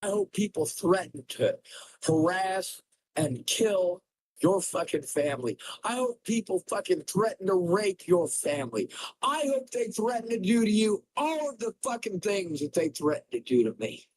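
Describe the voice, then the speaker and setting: A man's voice: sits high, very animated, moderate pace, poor audio. A man ranting furiously at his viewers during a livestream, anguished and in emotional distress, swearing heavily. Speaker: streamer. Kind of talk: raw livestream rant.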